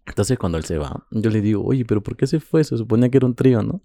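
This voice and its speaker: A man's voice: lowish voice, expressive, fast talker, mellow, dry recording, clean studio sound. A man co-hosting a podcast, telling a rambling anecdote with giggles and fillers. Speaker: podcast co-host. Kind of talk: casual storytelling in a podcast.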